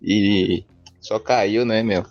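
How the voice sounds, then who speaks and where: A Brazilian man co-hosting a podcast, chatting casually and relaxed, agreeing and adding his own stories. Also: lowish voice, drawn-out words. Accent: Brazilian Portuguese. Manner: relaxed, peppers speech with "cara" and "né". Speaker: podcast co-host. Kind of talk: casual chat. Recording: dull lo-fi sound with faint music.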